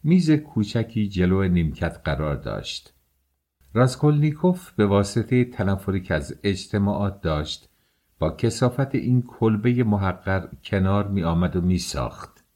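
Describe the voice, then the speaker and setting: A man reading a classic novel aloud as an audiobook narrator, in a measured, expressive way. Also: on the low side. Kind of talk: scripted literary narration.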